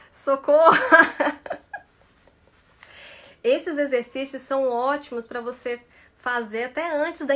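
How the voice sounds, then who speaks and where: A woman's voice: on the high side, a bit bright. A woman career mentor coaching viewers through tongue twisters on a live stream, playful and laughing often, stretching each syllable carefully.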